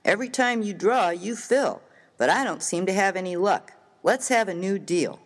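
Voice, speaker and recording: A man with a high, expressive voice reads a dramatised story as a good-natured, rough and hearty American miner of the Old West. He talks at a normal speed in slangy, emphatic folk speech, with a puzzled, folksy mood.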